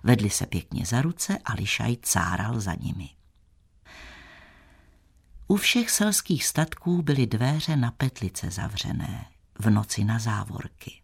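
A man narrating a classic tale in a measured, old-fashioned storytelling manner. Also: on the low side, very animated, vocal fry, husky. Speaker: audiobook narrator.

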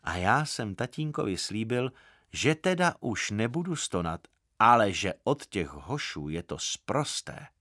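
Low-voiced man reading a story aloud. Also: very animated, pushed and bright, no echo, studio quality. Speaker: audiobook reader. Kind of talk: scripted narration.

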